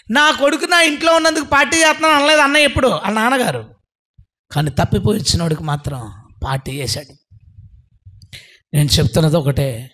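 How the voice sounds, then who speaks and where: A male preacher delivering an impassioned sermon, often shouting praise, then dropping to a hush. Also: high-pitched. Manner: swings between loud and hushed.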